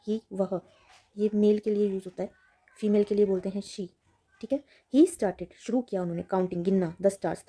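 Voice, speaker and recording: A woman teaching a children's reading lesson, reading lines slowly and then explaining them in Hindi. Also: medium pitch, mellow. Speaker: English teacher.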